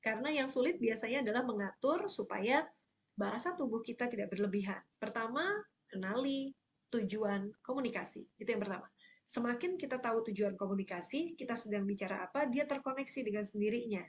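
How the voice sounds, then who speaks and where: A woman coaching public speaking in an online workshop, answering questions and explaining with lively examples. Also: fairly high pitch, a little fast.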